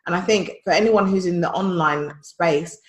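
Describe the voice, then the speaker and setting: A woman's voice: lowish voice, normal speed. Chatty London woman, echoey room. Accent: London English. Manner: chatty, laughs easily. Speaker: podcast co-host. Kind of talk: casual chat.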